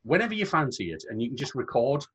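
Husky man, lively joking delivery. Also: mid-range voice, fast talker, dull audio. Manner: joking, rambling, laughs often. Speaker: podcast co-host. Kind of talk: casual chat.

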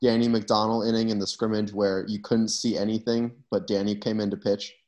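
A man's voice: on the low side, little pitch movement, a little fast, darkish tone, slight background noise. A young man, a college baseball player, casually telling stories on a podcast he hosts. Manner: laid-back storytelling. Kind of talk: casual chat.

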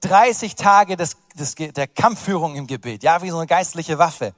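Pastor man preaching, pretty high voice, earnest and pushing, big hall tail. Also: moderate pace, clean studio sound. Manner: earnest, urging, speaks directly to the congregation. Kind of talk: sermon.

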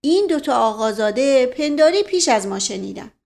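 A woman's voice: high-pitched, sing-song, vocal fry, a little mellow, full character voice. A woman voicing a folksy old male servant who drags out his words as he rambles, reading a storybook aloud. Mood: rambling. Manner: drawn-out folksy speech.

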